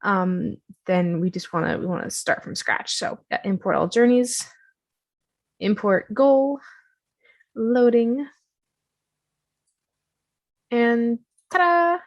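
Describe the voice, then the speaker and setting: A woman casually walking viewers through a software tutorial on her screen, chatty and self-deprecating, with many fillers. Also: medium pitch, takes it slowly.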